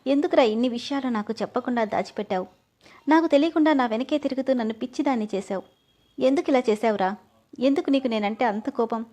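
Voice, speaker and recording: A woman's voice: a little high, quick pace, warm tone, close to an everyday voice. A woman voicing an emotional young pregnant wife in a read-aloud story. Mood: tearful. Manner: pleading, tearful.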